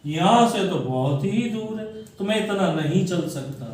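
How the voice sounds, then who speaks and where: A man's voice: high voice, expressive, moderate pace, darkish tone, a little hiss or hum. A male chemistry teacher lecturing at a board, quizzing students and repeating key words for them to answer. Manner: call-and-response questioning, repeats key words. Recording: echoey room from far off.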